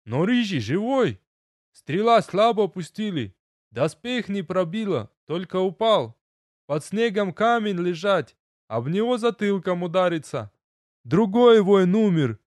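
A man's voice: high-pitched, big pitch swings, a little slow, a little mellow, no room sound, clean studio sound, voice pushed up. A man voicing a wounded male dwarf who speaks in broken, ungrammatical phrases. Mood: eager. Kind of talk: audiobook character voice.

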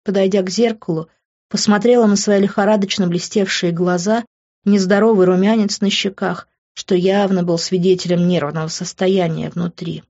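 A woman narrating a first-person novel in a middle-pitched voice. She reads expressively, rising in pitch when her heroine speaks. The recording is dull and lo-fi. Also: steady tone, normal speed, warm tone. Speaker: audiobook narrator.

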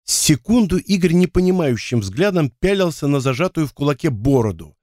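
A man narrating an audiobook in a lively, expressive way. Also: fairly high pitch, moderate pace, no room sound, clean studio sound.

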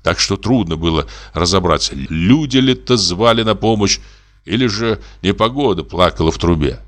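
A man narrating a classic short story as an audiobook, in a measured, expressive storytelling manner. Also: low-pitched.

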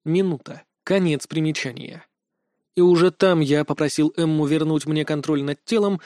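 A man reads a first-person fantasy audiobook with dramatic, expressive storytelling. His voice sits a little higher than most men's. The recording is dry and close to the microphone, with no room sound. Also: no echo. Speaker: audiobook narrator.

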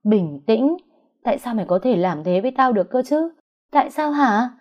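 A woman's voice: lowish voice, animated, a little slow, darkish tone. A woman voicing a furious, betrayed young woman who screams accusations and chokes on sobs, in a story reading on dull, lo-fi audio. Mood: screaming, furious. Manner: shrieking accusations, breaking into sobs.

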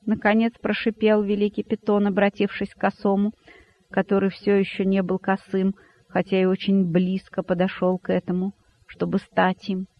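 High-voiced man reading a fable. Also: monotone, moderate pace. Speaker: audiobook narrator. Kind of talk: audiobook narration of a satirical fable. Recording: dull lo-fi dry recording.

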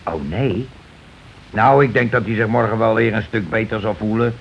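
This dull, noisy old radio recording has a male actor in a Dutch radio play as a domineering, calculating working-class husband, combative and colloquial. He sounds scheming, speaking at normal speed in a lowish, creaky voice.

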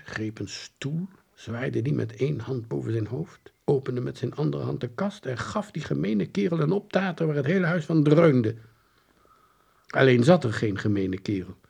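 Reading a scripted children's book aloud, a gravelly-voiced male audiobook narrator tells the story in a lively way, moving his pitch up and down.

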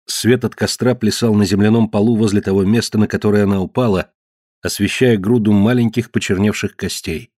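A man narrating an audiobook in a measured, descriptive way. His voice sits fairly low. It is recorded close and dry, with no room around it. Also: fairly even intonation, a little mellow, dry recording. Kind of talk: scripted narration.

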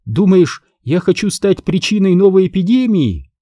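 A man's voice: high voice, big pitch swings, normal speed, dark tone, no echo, studio quality, pitched above the performer's own voice. A man reading an audiobook who voices a frightened, lovesick teenage girl in a raised, tearful, pleading voice. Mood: indignant.

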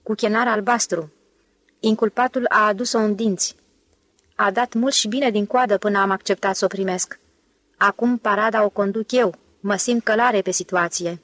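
A woman's voice: mid-range voice, steady tone, fairly bright tone, no room sound, natural voice. A woman voicing a suave, smug male con man who speaks in a lofty, condescending way. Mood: boastful. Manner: lofty, self-assured, condescending.

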